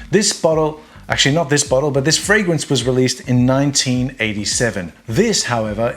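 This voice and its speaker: A man hosting a casual fragrance review video, chatty and wry, with self-deprecating humor. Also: mid-range voice.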